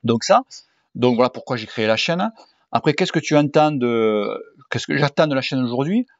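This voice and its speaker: A man's voice: medium pitch, lively intonation, normal speed, dry recording. A man in his forties with a regional French accent, answering viewer questions in a casual vlog, blunt and slangy and swearing freely. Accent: French, southern regional. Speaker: cycling YouTuber and sports coach. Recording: dull dry home recording.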